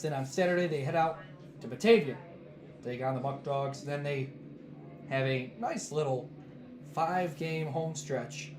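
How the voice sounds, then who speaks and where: Hoarse man calling a baseball game. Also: a little high, roomy sound. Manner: calm measured calls, rising on big plays. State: losing his voice, coughing. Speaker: play-by-play announcer. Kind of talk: baseball play-by-play commentary.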